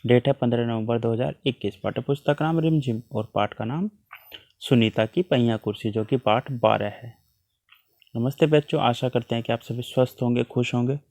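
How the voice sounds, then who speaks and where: A man's voice: medium pitch, normal speed, a little mellow, dry recording. A man teaching a worksheet lesson to children, patiently explaining with repeated examples.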